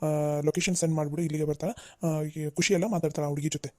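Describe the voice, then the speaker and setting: Stern caring cartoon dad played by a woman, mellow, dry sound. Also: low-pitched, little pitch movement, quick pace, no echo, close to an everyday voice. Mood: instructing. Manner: scolding, advising. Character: stern but caring middle-aged father.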